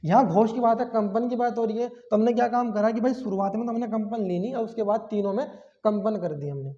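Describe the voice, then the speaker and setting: A man's voice: high-pitched, brisk, mellow. A man teaching a grammar lesson, explaining step by step and asking and answering his own questions. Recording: dull sound with long hall reverb.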